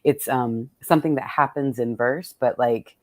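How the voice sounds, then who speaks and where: Here a woman with a bass voice and a darkish tone talks at a moderate pace. A poet hosting her readers at a poetry event, she keeps the conversation casual and reflective, musing aloud with playful, colloquial phrasing.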